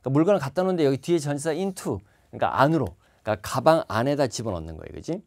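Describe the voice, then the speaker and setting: Guy teaching test prep to camera, pitch jumps all over, keeps repeating words. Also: racing, vocal fry. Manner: animated, repeats and stresses key words. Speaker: TOEIC instructor. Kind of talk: lecture to camera. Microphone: facing the camera.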